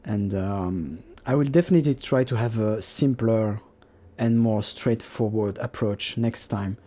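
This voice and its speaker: A man casually talking over his own painting process, halting with many fillers and restarts and laughing at himself. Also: fairly low pitch, dark tone. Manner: self-deprecating, laughs at himself. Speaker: digital artist.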